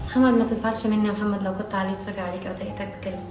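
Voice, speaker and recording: A woman with an Egyptian accent playing a hot-tempered wife and mother who fires off quick retorts, in a scripted web drama. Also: mid-range voice, steady tone, reverberant, natural voice. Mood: apologetic. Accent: Egyptian Arabic. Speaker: actor. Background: background music.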